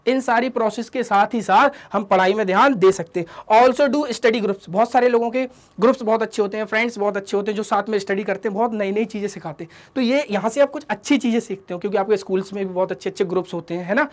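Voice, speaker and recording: A man's voice: high voice, fast. A male teacher giving a motivational study talk to students, lecturing in a fatherly, scolding way with rhetorical questions and English catchphrases. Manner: scolding and fatherly, addresses listeners as "beta", asks rhetorical questions; mixes English catchphrases into the lesson.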